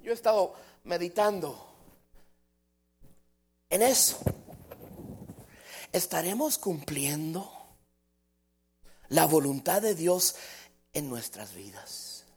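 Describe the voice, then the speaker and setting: A man preaching a sermon with fervor, swinging from loud declarations to hushed tones and stretching phrases in a chanting cadence. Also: on the high side, very animated, slow, long pauses, slightly rough.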